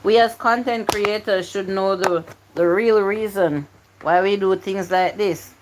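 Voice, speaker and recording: A woman's voice: mid-range voice, unhurried, noisy background. A woman hosting a live stream word game, coaxing and pleading with her chat to join in.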